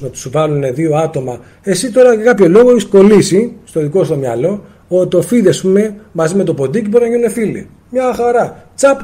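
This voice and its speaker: A man from Greece giving a live seminar as a spiritual teacher, answering viewer questions, addressing listeners as friends and acting out little dialogues with sudden jumps in pitch. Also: dark tone.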